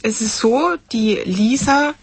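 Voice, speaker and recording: A woman's voice: a little high, slow pace, vocal fry, breathy edge. A woman author in a studio, talking about her book with many fillers and then reading from it. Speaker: author and literary circle founder.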